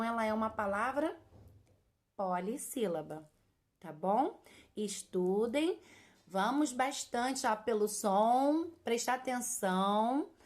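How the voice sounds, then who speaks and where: Slow, patient woman teacher. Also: fairly high pitch, darkish tone. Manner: slow, syllable-by-syllable sounding out; affectionate diminutives, checks in often. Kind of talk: children's lesson.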